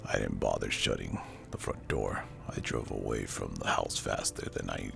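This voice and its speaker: A man narrating a scripted first-person horror story as hushed ASMR, with a breathy, gravelly, spooky delivery. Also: rumbling low. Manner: slow, hushed, deliberate and spooky. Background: music.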